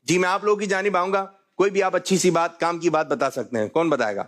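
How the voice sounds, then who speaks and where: A man hosting a religious talk show, jovial, often repeating his key phrases. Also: sits high. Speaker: host.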